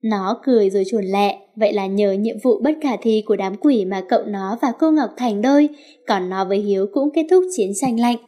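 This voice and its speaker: A woman narrating a story in an expressive reading voice. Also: medium pitch, fairly quick.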